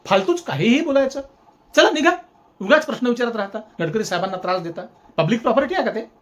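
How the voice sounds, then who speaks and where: Man, high voice, sarcastic, mock-scolding, chuckling, satirical political commentary. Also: expressive, rapid-fire, fairly bright tone. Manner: sarcastic mock-scolding, repeats jeering taunts; chuckles while speaking.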